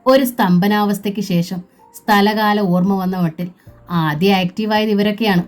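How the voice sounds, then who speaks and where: A woman narrating a family novel aloud in an even, measured storytelling voice. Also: mid-range voice.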